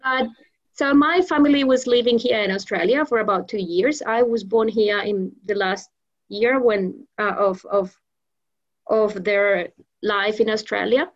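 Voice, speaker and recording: Speaking at an unhurried pace with medium pitch and fairly even intonation, a Spanish-speaking Venezuelan woman answers interview questions as a trainer and mentor. She fills her speech with hesitations and restarts, and the upper frequencies are missing.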